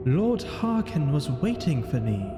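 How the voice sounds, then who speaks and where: A very animated man with a voice on the high side, at a measured pace, portrays a brooding, lonely vampire a millennium old, solemnly and theatrically narrating his tale in formal phrasing. The scripted narration over gameplay carries hall-like reverb, with music in the background.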